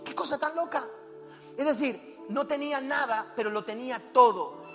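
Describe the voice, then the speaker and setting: A man's voice: very high voice, moderate pace, a bit bright. A man preaching a fervent, exhorting sermon and weaving in personal anecdotes, heard in a reverberant hall with music playing. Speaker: pastor.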